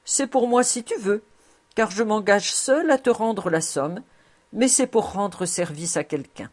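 A woman's voice: medium pitch, lively intonation, measured pace. A woman voicing a shrewd, kindly old male rabbi who speaks in a fond, knowing way and pleads for others. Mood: pleading.

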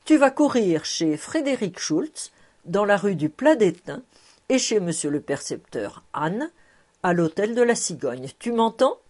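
A woman's voice: mid-range voice, big pitch swings, measured pace, darkish tone. A woman doing a hearty, jovial bachelor. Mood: bossy, cheerful. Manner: hearty, expansive, commanding. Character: jovial, generous middle-aged bachelor man.

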